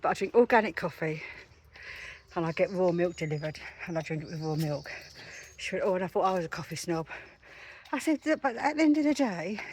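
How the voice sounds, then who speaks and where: A woman's voice: on the low side, darkish tone, breathy edge. A middle-aged woman, chatting on a street as she retells conversations with her neighbours. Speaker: self-help author. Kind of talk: casual walking vlog. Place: outdoors on a street.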